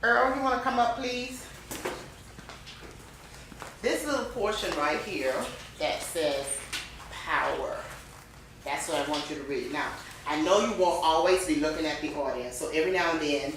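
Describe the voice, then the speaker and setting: A woman's voice: normal speed, noisy background. A woman teaching a speech club class, speaking expressively with lots of emphasis and rising and falling tone. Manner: expressive, varies pitch and emphasis. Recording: very echoey room.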